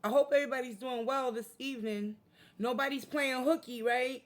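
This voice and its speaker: A woman's voice: sits high, steady tone, brisk. A woman hosting a live tarot reading stream, chatting casually with her viewers.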